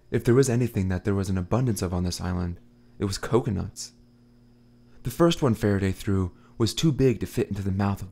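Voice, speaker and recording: A man narrating an audiobook with a steady, dramatic reading. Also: on the low side. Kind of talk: scripted narration.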